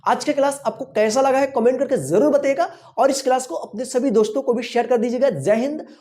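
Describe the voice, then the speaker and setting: A woman's voice: high voice, quick pace, warm tone. A woman teaching English pronunciation, spelling words out letter by letter and repeating each one patiently with a rhetorical question. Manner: patient, repeats each word and asks "what will we read?". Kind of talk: classroom-style phonics lesson.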